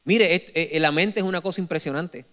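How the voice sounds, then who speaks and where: A man in his forties preaches from the pulpit with a high-pitched voice. He tells stories with animation and jokes with his congregation. He often breaks off and restarts his phrases as he talks. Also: a little fast. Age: 40s. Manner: animated, joking storyteller addressing the congregation; frequent self-corrections and restarts. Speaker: pastor. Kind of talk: sermon. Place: church sanctuary before a congregation.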